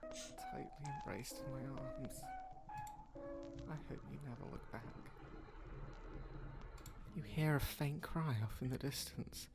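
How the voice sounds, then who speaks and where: A man's voice: fairly high pitch, huge pitch swings, takes it slowly, pauses often, loud music behind the voice, heavily acted. A man reading scripted second-person narration for a story game in a dramatic storytelling manner.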